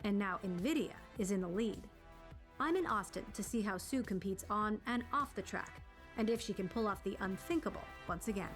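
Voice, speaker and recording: A woman reporter giving scripted documentary narration with a crisp, punchy delivery. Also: mid-range voice, animated, moderate pace, faint music behind. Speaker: news reporter.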